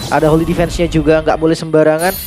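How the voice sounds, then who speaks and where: A man's voice: a little high, monotone, rapid-fire, noisy background. An Indonesian man giving live esports commentary as a caster. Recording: loud music behind the voice. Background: loud music.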